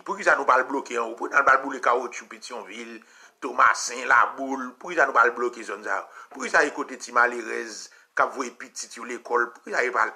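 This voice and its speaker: A man with a Haitian accent giving an impassioned political talk, repeating phrases and sometimes shouting. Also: mid-range voice. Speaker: commentator.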